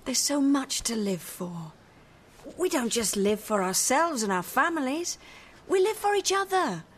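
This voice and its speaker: A woman's voice: sits high, sing-song, measured pace, breathy edge, exaggerated voice. An actress playing a kind, devout woman neighbour who speaks earnestly and reassuringly in a radio drama. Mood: encouraging.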